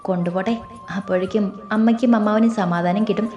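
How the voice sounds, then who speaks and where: A woman's voice: medium pitch, fairly even intonation, quick pace, dark tone, lo-fi sound, lightly acted. Woman voicing a defiant young daughter. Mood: indignant. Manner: indignant, confrontational. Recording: roomy with faint music.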